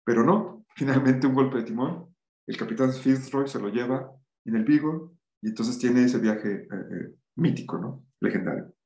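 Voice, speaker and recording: A middle-aged man lectures over a video call, reading passages aloud and adding his own remarks, with occasional restarts. His medium-pitched voice is a little mellow and moves at normal speed, and the sound is reverberant.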